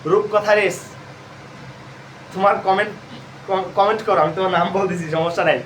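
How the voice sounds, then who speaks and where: A man's voice: sits high, fairly even intonation, a little fast, a bit bright, far from the mic. A man with a Bangladeshi Bengali accent teaching an admission prep lesson live, asking questions and answering them himself. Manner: repetitive quizzing, asks and answers own questions. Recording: roomy echo, voice off-mic, faint hum.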